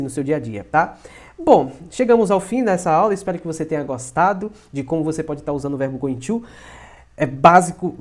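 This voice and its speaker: A man with a Brazilian Portuguese accent teaches English grammar in a relaxed, conversational lesson. He keeps checking in with tag questions and draws out each example sentence slowly. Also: fairly high pitch. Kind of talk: casual explanatory lesson.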